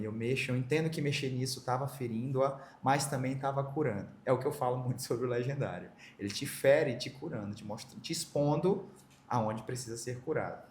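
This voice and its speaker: A man's voice: mid-range voice, reverberant, slight background noise. A middle-aged man from Brazil, sharing a personal story as a podcast guest, speaking with emotion and acting out the dialogue he recounts.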